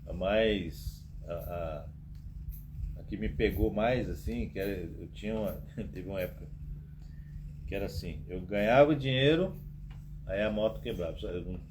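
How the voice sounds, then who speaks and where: A man hosting a live stream, telling rambling anecdotes and acting out the dialogue, with frequent tag questions. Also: low-pitched. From Brazil. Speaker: host. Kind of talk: casual live-stream storytelling. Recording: muffled live-stream audio with background noise.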